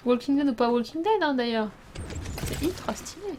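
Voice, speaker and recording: A young woman streaming a game, chatting casually with her viewers, laughing often and sometimes breaking into loud startled outbursts. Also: sits high, lively intonation, moderate pace, slight background noise. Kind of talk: casual let's play commentary.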